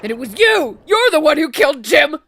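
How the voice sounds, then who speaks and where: A woman's voice: sits high, big pitch swings, normal speed, fairly bright tone, dry recording. A woman voicing a hot-headed young male sportsman prosecutor in a video game, whiny, brash and accusatory. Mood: indignant accusing.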